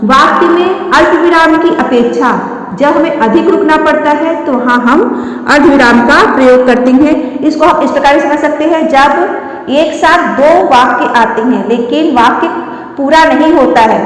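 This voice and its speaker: A woman teacher giving a slow, explanatory grammar lesson and repeating the key terms. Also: sits high. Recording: echoey room with long reverb.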